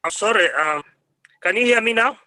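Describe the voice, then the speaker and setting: A man's voice: high-pitched, expressive, moderate pace, bright, forceful tone, dry recording. A man calling into an online meeting over a clipped, breaking-up line, hesitantly checking whether he can be heard. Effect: clipped, breaking-up call line. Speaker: remote meeting participant. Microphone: remote call audio.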